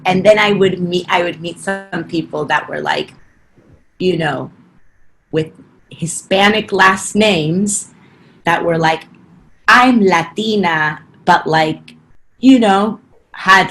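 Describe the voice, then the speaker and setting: A woman from Argentina, a podcast guest with a slight Argentine Spanish accent, chats casually in an interview. Her voice is on the low side, animated and quick, and she acts out her own past thoughts in quotes; the low-quality recording carries a little hiss or hum.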